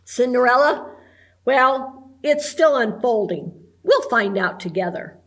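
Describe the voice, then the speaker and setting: A woman voicing a flustered fairy-tale woman in charge in a storybook read-aloud, quick to exclaim. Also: fairly high pitch, lively intonation. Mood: explaining. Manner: exasperated, exclaiming.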